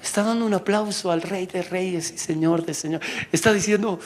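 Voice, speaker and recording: A male pastor preaching a sermon in church, animated, swinging from loud exhortation to quiet asides. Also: sits high, moderate pace.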